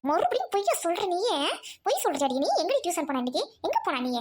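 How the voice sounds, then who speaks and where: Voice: extremely high pitch, huge pitch swings, fast, heavily acted. A performer voicing an angry, nagging middle-aged mother in a cartoon, with a Tamil Nadu accent. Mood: scolding. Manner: shouting, nagging, wailing. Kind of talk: cartoon voice acting.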